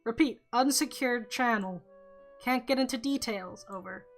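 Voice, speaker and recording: Robotic voice, woman playing a paranoid teen boy, clipped radio-style phrases, fairly high. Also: measured pace, soft background music. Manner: terse, clipped, ends each turn with "over". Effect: put-on robotic voice. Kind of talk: reading a story game aloud.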